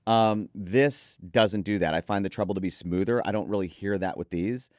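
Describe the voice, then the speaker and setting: A man hosts a conversational preview of audio gear, reading out specs and chatting about them with enthusiasm. His voice is lowish with a darkish tone and a normal speed. The recording is studio quality with no room sound.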